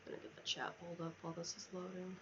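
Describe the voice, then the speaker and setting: Speaking rapid-fire in a lowish monotone, a woman keeps up informal, affectionate, rambling chatter during a video game livestream. Background noise is noticeable. Her sensitive headset mic produces dull, lo-fi audio.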